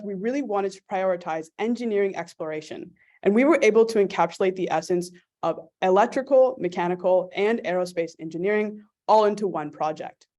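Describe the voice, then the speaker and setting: A woman's voice: medium pitch, darkish tone. Woman presenting a student project. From California. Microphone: video call.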